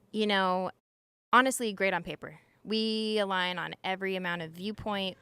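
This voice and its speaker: A woman in her thirties, a podcast guest, talking candidly and casually, with many filler words, frequent swearing and quick laughs. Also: fairly low pitch, sharp tone, clean tone. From Utah. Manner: chatty, lots of "like" fillers and swearing, laughs often.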